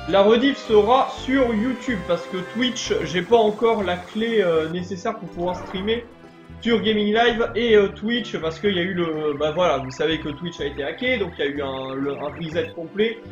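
A man's voice: sits high, moderate pace, echoey room, soft background music. A man streaming a video game live, chatting casually and greeting viewers in the chat. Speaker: let's play streamer.

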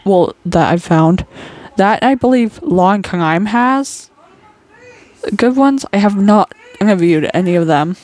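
A woman's voice: mid-range voice, expressive, a little slow, a little mellow. A woman with a speech impediment that turns her R's into W's, chatting casually and goofily as a reaction host. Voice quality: speech impediment, cannot pronounce R's, says w for r. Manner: goofy, informal. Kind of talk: casual chat, reacting to true crime video.

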